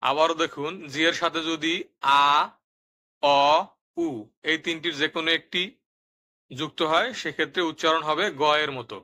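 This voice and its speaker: A man narrating a step-by-step language lesson, explaining pronunciation rules and repeating each example word twice, slowly and clearly. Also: fairly high pitch, fairly even intonation, pushed and bright. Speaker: language teacher.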